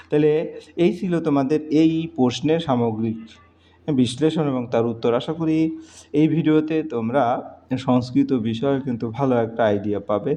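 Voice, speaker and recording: Mellow-voiced male teacher, dull recording. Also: medium pitch. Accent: Bengali. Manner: slow, spells out words letter by letter. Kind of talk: exam-prep lesson walkthrough.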